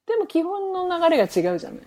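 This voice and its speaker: A woman co-hosts a casual podcast and talks quickly at a middling pitch. Her questions are curious and animated, with lively pitch movement, and she keeps up a stream of short agreeing murmurs. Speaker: podcast co-host. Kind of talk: casual chat.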